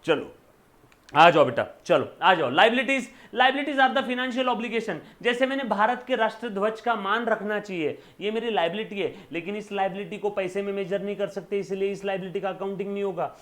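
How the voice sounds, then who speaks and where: High-pitched Indian man teaching accounts. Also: normal speed, few pauses, fairly bright tone. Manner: coaxing, asks "yes or no?" often; mixes Hindi with English terms. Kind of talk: online classroom lecture.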